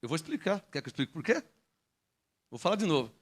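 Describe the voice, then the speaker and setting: A man with a Brazilian Portuguese accent preaching a lively sermon in church, joking with the congregation one moment and shouting proclamations the next. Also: on the high side, quick pace. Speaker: pastor.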